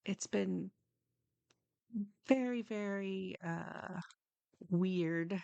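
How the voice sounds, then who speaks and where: A woman's voice: medium pitch, extremely slow, vocal fry, warm tone, smooth, no room sound. A woman streaming games, chatting casually with her viewers in a friendly, apologetic, flustered ramble, slightly muffled on a close mic. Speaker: live game streamer, host. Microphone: microphone a few inches away.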